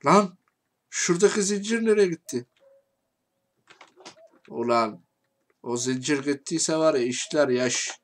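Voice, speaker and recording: A man with a Turkish accent giving casual game commentary, talking to himself and swinging from quiet muttering to angry shouting. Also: fairly high pitch, slow, long pauses. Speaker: gaming YouTuber.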